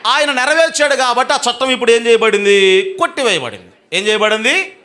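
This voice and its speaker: ఎత్తైన, పదునైన గొంతుతో చర్చిలో సంఘానికి ఉద్రేకంగా ప్రసంగించే పురుష pastor. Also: male voice, very high voice, lively intonation. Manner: emphatic, urges the congregation to respond loudly; swings between slow drawn-out and fast speech. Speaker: pastor. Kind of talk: sermon to a live congregation. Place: church hall with a congregation.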